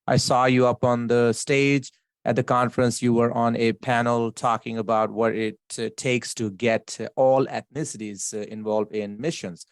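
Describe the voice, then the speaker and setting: Male podcast host, mid pitch, friendly and affirming, dry close sound. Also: level tone, moderate pace, smooth, dry recording. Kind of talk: casual interview talk.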